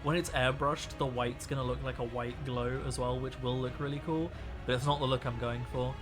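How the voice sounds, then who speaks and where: Music plays in the background as a young man paints miniatures on a live stream, talking a little fast in a steady, mid-range voice. He's worn out from a week of talking and chats in a rambling way, restarting his sentences.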